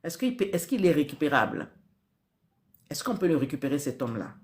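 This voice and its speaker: Giving spiritual guidance during a live stream, an earnest woman talks a little fast with a deep voice and big swings in pitch. She leans on rhetorical questions and repeats her main phrases.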